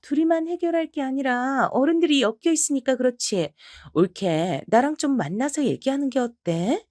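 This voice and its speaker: Woman doing a whiny pushy sister-in-law, high and indignant. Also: animated, normal speed, darkish tone, no echo, clean studio sound. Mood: irritated. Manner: nagging, indignant.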